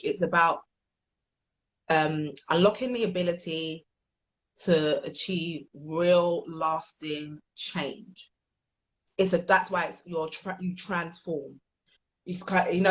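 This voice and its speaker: A woman's voice: fairly low pitch, a bit bright, a little hiss or hum. A woman working as a transformational coach, answering interview questions in an earnest, emphatic way and repeating phrases for weight. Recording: dull, lo-fi sound.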